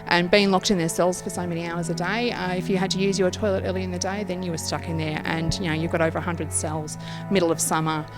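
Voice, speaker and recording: A woman's voice: lowish voice, little pitch movement, quick pace. An Australian woman working as a tour guide, giving informative interview answers about local history. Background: music.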